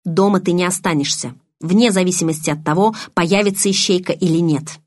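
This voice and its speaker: A woman's voice: on the low side, fairly quick, darkish tone, no echo, clean studio sound, close to an everyday voice. A woman reading a stern commanding young man. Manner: curt, commanding. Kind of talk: audiobook reading.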